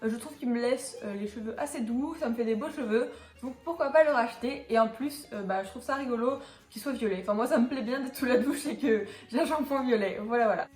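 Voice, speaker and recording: A woman's voice: a little high, brisk, a little mellow, roomy sound, faint music behind. A young woman chatting through a casual product review vlog, filling her talk with small hesitations and restarts. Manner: chatty, many fillers and restarts. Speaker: equestrian vlogger.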